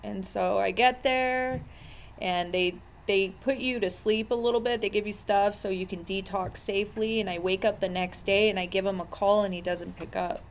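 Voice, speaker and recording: A woman's voice: mid-range voice, fairly even intonation, normal speed, slight background noise. A woman in her thirties telling her own story candidly, in a blunt, profane way with many fillers.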